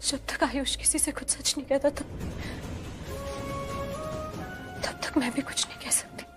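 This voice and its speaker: An anxious young Indian woman with a very high voice, played by a woman in a TV melodrama. She is earnest and halting, repeating words as if burdened, over clear background music. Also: natural voice. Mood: tearful anguish. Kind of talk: melodramatic TV soap acting.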